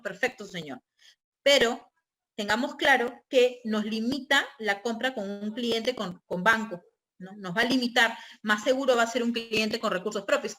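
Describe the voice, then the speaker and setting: Her pitch is fairly high and a bit bright as she delivers an online real estate training lecture. Walking through the material step by step, she keeps checking in with listeners through tag questions.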